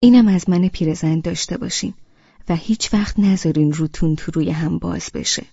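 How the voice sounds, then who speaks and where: A woman's voice: lowish voice, creaky, mellow, husky, no echo, muffled recording. Woman voicing a sweet, rambling old grandmother. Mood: fond. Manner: rambling, halting, motherly. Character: sweet chatty old grandmother, hesitant and fond. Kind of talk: audiobook character reading.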